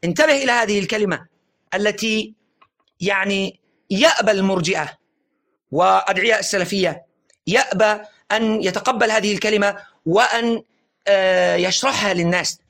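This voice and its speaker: A man giving a religious lesson in an earnest lecturing tone, often urging listeners to pay attention, stressing phrases slowly and letting his voice drop at the ends of sentences. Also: high-pitched, fairly bright tone. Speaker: religious teacher.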